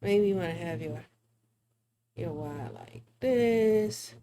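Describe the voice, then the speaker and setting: This livestream art host has a warm voice on the low side and takes her time speaking. She chats casually while drawing live, laughing frequently as she works through her thoughts out loud.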